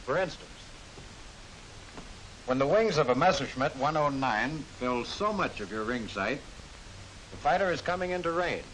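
A man with an American accent narrates in the scripted style of a mid-century military training film. His voice sits a little high, and his phrasing is formal, measured and instructive. The old film soundtrack adds a light hiss. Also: animated, fairly bright tone. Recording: hissy, noisy vintage film soundtrack.

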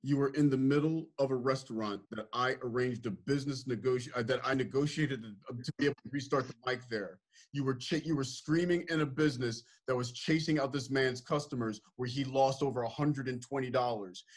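A man's voice: mid-range voice, brisk. A man hosting a podcast, confronting his guest firmly and insistently, cutting in repeatedly. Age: older than guest. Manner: firm, insistent, repeats name to interrupt. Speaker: podcast host.

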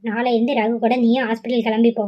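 A woman voicing a bossy, scheming middle-aged mother who talks low and nags insistently, in a cartoon. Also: flat delivery, quick pace, lightly acted. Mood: nagging, scheming. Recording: slightly dull lo-fi audio.

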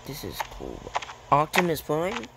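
A man's voice: a little high, wildly swooping pitch, measured pace, gravelly. A young man lying on his bed, reacting to a video in a casual, slangy, exclaiming way. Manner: slangy, exclaiming, laughing often. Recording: loud background noise.

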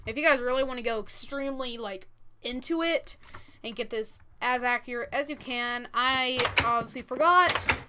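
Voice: medium pitch, bright, forceful tone, clear, resonant tone. A thirteen-year-old who says w for r, giving casual, informal step-by-step commentary as host of a gaming tutorial. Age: 13 years old. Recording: noisy, with keyboard and mouse clicks.

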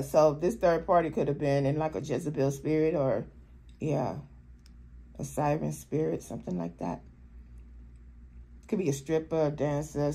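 A woman doing a casual tarot reading, blunt and profane, halting with fillers and often laughing. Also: sits low, warm tone, slightly rough. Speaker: tarot reader.

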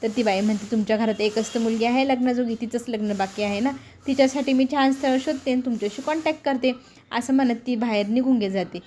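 A woman's voice: a little high, fast, dark tone, slight background noise. A woman retelling a TV serial episode in a plain storytelling manner, quoting the characters' lines as she goes. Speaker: serial episode recap narrator.

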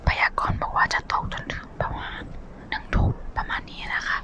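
ASMR host: woman, fully whispered, breathy, casual and polite chat aimed at the listener. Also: fairly quick, sharp tone. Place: outdoors on a balcony in falling snow.

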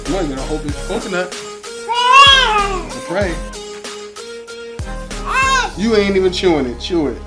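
A man's voice: high voice, animated, quick pace, few pauses, over loud music. A young American man hosting a home vlog in casual, playful chat, teasing and egging someone on. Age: young adult. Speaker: vlog host. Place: living room sofa at home. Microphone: camera at about arm's length.

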